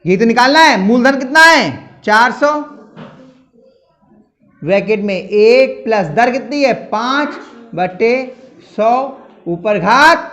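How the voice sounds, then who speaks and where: Slow guy teaching maths in a classroom, keeps asking the kids questions. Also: very high voice, animated, fairly bright tone. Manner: slow, patient, quizzes students often.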